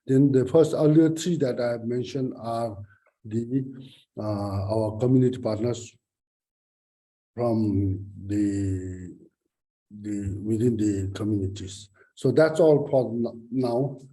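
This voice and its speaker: A man, a training center principal, giving a halting introductory pitch on a video call and often correcting himself. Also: dark tone, rough recording. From Bhutan.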